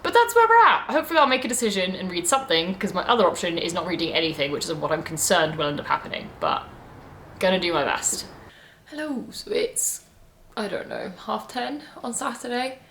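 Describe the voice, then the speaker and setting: A woman's voice: lowish voice, animated, brisk, a bit bright, slight background noise. A woman, chatting casually and rambling through a reading vlog with lots of fillers. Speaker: book vlogger.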